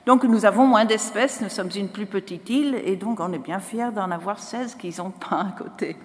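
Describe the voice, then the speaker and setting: Irish woman speaking foreign-accented French, echoey hall. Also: medium pitch. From Ireland. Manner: halting, self-correcting. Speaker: botanist giving a conference talk. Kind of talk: conference presentation. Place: large lecture hall, indoors. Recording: echoey auditorium with long reverb.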